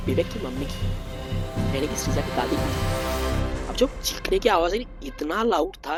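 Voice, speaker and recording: A man telling a horror story in casual Hindi sprinkled with English, acting out the family's lines as he goes. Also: a little high. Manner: informal Hindi mixed with English, acts out family dialogue. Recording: loud background music.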